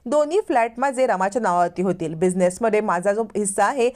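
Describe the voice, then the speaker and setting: A woman's voice: mid-range voice, a little fast, darkish tone, lightly acted. A woman voicing a young husband who firmly sets out his will, in a retold drama.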